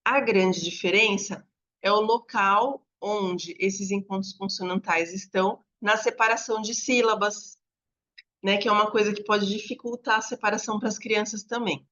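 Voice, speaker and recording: Patient woman teacher for an online lesson; bright tone, slightly dull recording. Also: medium pitch, fairly even intonation. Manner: patient, explains slowly with drawn-out examples. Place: home apartment with dogs barking nearby.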